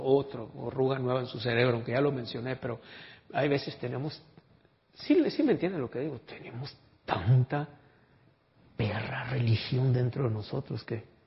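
A man preaching a sermon, moving from hushed storytelling to loud, fervent exclamations. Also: medium pitch. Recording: dull lo-fi recording.

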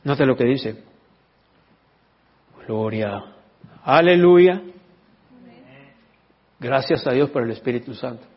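A man's voice: medium pitch, steady tone, fairly quick, breathy edge. A man preaching a sermon as a pastor, teaching and asking his congregation questions. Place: church hall. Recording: dull recording with long reverb.

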